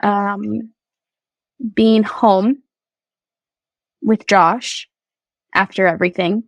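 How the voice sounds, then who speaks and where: A woman guest on a podcast, telling her personal faith story in a halting, earnest way with many fillers and restarts. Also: mid-range voice, steady tone, no echo, highs cut off.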